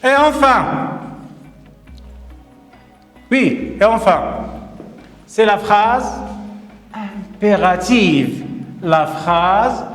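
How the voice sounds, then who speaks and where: Slow, emphatic male teacher in echoey room. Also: sits high, a bit bright, faint music behind. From Morocco. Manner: slow, emphatic, repeats and praises. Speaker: primary school teacher. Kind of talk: grammar lesson for children.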